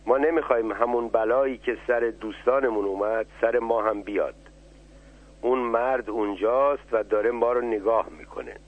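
A man's voice: mid-range voice, steady tone, lightly acted. A man voicing a clever, bossy male sparrow who leads his flock and gives orders, heard over a tinny phone-like radio line. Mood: commanding. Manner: commanding, giving orders.

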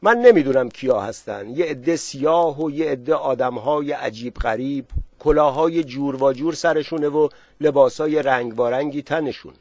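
A man's voice: medium pitch, darkish tone, no room sound, voice pushed up, close to an everyday voice. A man doing an eager young lookout. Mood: reporting. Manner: hurried reporting.

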